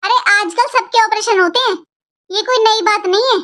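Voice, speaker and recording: A woman's voice: very high-pitched, moderate pace, a bit bright. A woman voicing a sarcastic, spoiled young married daughter who taunts her sister-in-law in a Hindi cartoon. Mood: taunting.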